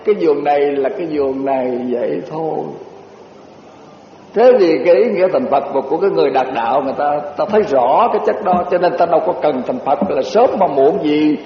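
An older man, a Buddhist monk, giving a slow dharma talk, telling stories and reciting verses. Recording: echoey hall, dull low-fi recording with faint hiss.

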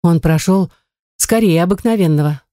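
A woman's voice: lowish voice, moderate pace, mellow, no echo, clean studio sound, natural voice. A woman voicing a sensible teenage girl, the eldest sister, speaking in a slightly raised, questioning voice in a storybook reading. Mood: weary questioning.

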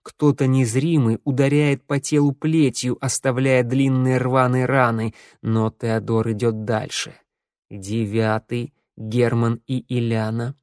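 A man reading an audiobook in slow, measured narration with dramatic pauses, recorded close in a studio. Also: mid-range voice, darkish tone, no echo.

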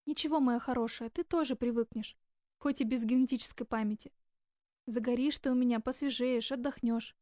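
A woman voicing a tender, remorseful young man who speaks quietly and slowly in an audiobook. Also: fairly high pitch, steady tone, dry recording, studio quality, natural voice. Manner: quiet, slow, guarded.

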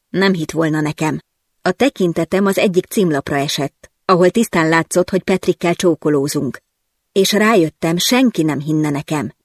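An audiobook narrator reading a first-person novel in a lively, wry storytelling manner. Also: medium pitch, no room sound, studio quality.

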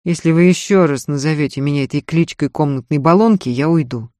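A man voicing a gruff, contemptuous nobleman husband in an audiobook reading. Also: a little high, a little fast, mellow, no room sound, natural voice. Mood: weary scornful. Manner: curt and scornful, speaking through his teeth.

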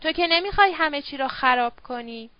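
A woman voicing a drunk, smooth-talking middle-aged male opium user who coaxes and wheedles. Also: high-pitched, expressive, no echo, lo-fi sound. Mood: coaxing. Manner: wheedling, slurred persuasion.

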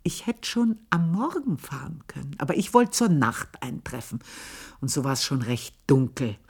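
With a rumbling low voice that swings widely in pitch, an actress portrays a bitter, proud housemaid of long service recounting her life in a radio play. The delivery is creaky, darkish, slightly rough and exaggerated at a normal speed, intense, confiding and full of scorn.

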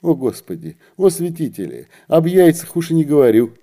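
A man's voice: fairly high pitch, big pitch swings, moderate pace, dark tone, pitched above the performer's own voice. A man voicing a fretful peasant woman with a basket of eggs, pleading and wailing in a raised voice.

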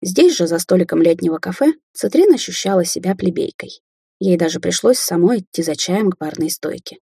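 Woman audiobook narrator, low, mellow, husky, measured read. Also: expressive, no echo, studio quality. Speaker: audiobook reader. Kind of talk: scripted narration.

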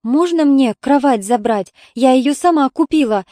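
A woman's voice: high-pitched, expressive, moderate pace, mellow, no echo, studio quality. A woman reading the part of a desperate woman who has lost her home, pleading through tears. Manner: pleading, tearful.

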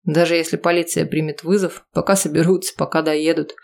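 A woman voicing a calm, laid-back young man who speaks low-key and unhurried. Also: gravelly.

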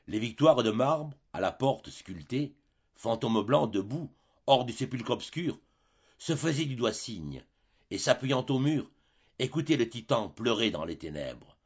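A man reading a dramatic poem aloud as a volunteer audiobook reader, with measured, theatrical phrasing. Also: lowish voice, slightly rough, muffled recording. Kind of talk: slow dramatic poetry reading.

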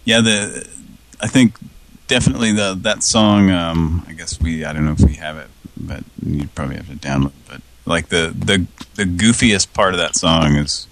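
A man's voice: normal speed, fairly bright tone. A man chatting casually as a podcast co-host, rambling and hesitant with filler words. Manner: rambling, hesitant, bursts into goofy high yelps. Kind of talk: casual chat.

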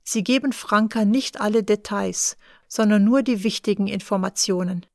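A woman narrating an easy German audiobook for learners, clear and careful. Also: mid-range voice, normal speed, dark tone, no room sound, clean studio sound.

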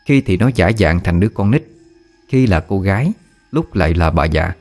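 A man's voice: low voice, lively intonation, normal speed, darkish tone, soft background music. A man narrating a ghost story in a folksy manner.

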